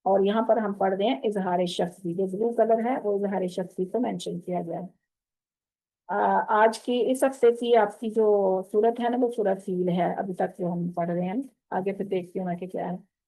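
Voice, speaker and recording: A woman teaching Quran recitation rules online to female students speaks with a Pakistani Urdu accent in a dark, mid-range voice, steady in tone and moderate in pace. She explains patiently and quizzes her students during this tajweed lesson, though the audio quality is poor.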